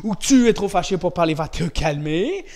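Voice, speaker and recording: A middle-aged man with a Quebec French accent, coaching children through a karate class, shouting drill commands and counting aloud, then explaining gently and laughing often. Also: sits high, very animated, normal speed. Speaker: karate instructor. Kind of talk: energetic online kids' martial arts class.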